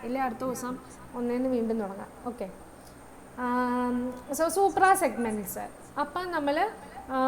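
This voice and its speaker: A woman with a high, light voice teaches a class. She moves between English terms and her own language and pauses to check that her students follow. A faint hum sits under her voice. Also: low-quality recording. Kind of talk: online class lecture.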